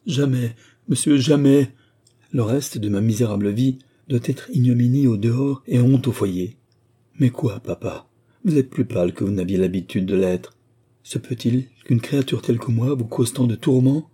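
A man's voice: medium pitch, normal speed, dark tone, husky, natural voice. A man voicing a distraught young woman who pleads tearfully in an audiobook reading. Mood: despairing.

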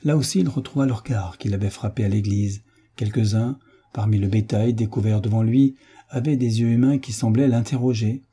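Male audiobook narrator, measured literary reading, low pitch, very dark mellow tone, husky breathy voice.

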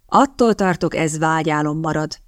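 A woman reading the part of a sardonic young gentleman who speaks in a measured, wry way. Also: sits low, dry recording, clean studio sound, lightly acted.

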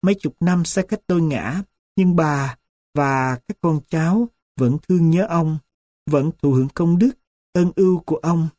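A grieving old grandmother pleads tearfully with her late husband at his grave, as a male storyteller reads her lines. The tone is warm and mellow, and the sound is close and dry. She prays softly and with sorrow. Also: fairly high pitch, a little slow, dry recording, lightly acted. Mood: tender.

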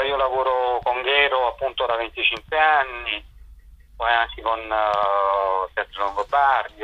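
This theatre director and performer, a middle-aged man, has a medium-pitched voice with a sharp tone. He explains things informally in an interview, pausing and groping for words, over a dull lo-fi telephone-radio recording.

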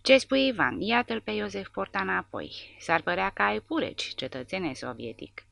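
A woman voicing a brash male veteran soldier who taunts and jokes loudly in a low, gravelly voice. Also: animated, no echo. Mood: taunting. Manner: taunting, boisterous.

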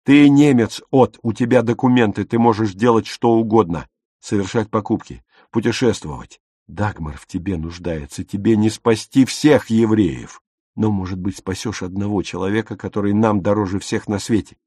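A man voicing a young man, a calm older brother who argues firmly and reasonably, in an audiobook. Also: lowish voice, moderate pace, breathy edge, dry recording, studio quality. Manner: firm, reasoning.

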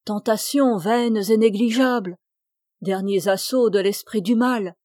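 Woman reads older priest, earnest and urging, slow, warm, dry. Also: mid-range voice, no echo, close to an everyday voice. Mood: exhorting. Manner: earnest, exhorting. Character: stern elderly male priest comforting. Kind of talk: audiobook reading.

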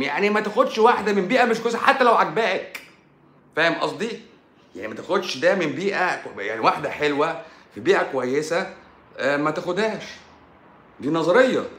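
An Egyptian man, a doctor hosting his own live stream, talking in an animated, sarcastic monologue and repeating points for emphasis. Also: fairly high pitch, echoey room. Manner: sarcastic, mocks critics in a playful tone; repeats himself for emphasis with frequent stumbles.

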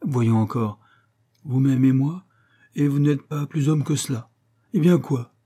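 A man reading an audiobook, voicing a proud noblewoman with haughty, sharp irony. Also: medium pitch, measured pace, pitched above the performer's own voice, lightly acted. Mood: mocking. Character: proud cutting noblewoman, marquise, mocking.

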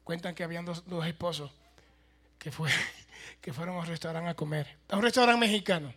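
A male pastor preaching a sermon, telling lively stories with jokes. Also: fairly high pitch, moderate pace, slightly rough.

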